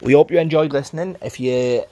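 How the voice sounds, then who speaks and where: A man's voice: a little high, fairly quick, dark tone, no echo. A man with a Middlesbrough Teesside accent, presenting an informal explainer for a spice brand. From Middlesbrough, England.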